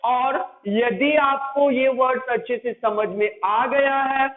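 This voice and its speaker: High-pitched Indian man teaching grammar. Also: fairly even intonation, slow. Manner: repetitive, correcting and drilling. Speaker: English teacher. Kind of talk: classroom grammar lesson. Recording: echoey room over a tinny lo-fi line.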